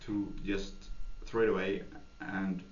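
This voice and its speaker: Slow and low with little pitch movement, a Swedish man answers interview questions in a hesitant way, stumbling through fillers and restarts. He works as a software developer. An echoey room, faint noise and dull lo-fi sound mark the recording.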